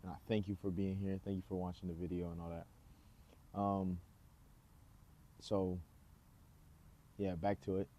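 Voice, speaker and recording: A man's voice: low-pitched, measured pace, long pauses, dull audio, slight background noise. A man, rambling casually outdoors as he introduces himself in a vlog. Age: 20s. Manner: relaxed, rambling, lots of fillers. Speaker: vlogger. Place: outdoors, rain nearby.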